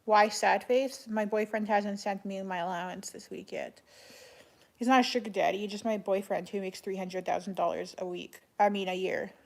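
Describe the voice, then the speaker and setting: Monotone, creaky-voiced woman chatting on livestream. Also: medium pitch, normal speed. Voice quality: creaky vocal fry. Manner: flat monotone delivery. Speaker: live streamer answering chat. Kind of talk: casual livestream chat.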